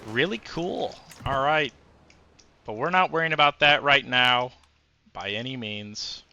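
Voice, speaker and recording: A man's voice: mid-range voice, measured pace, pushed and bright, highs cut off. A man giving casual commentary while playing a strategy game, musing aloud with frequent fillers. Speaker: gameplay commentator.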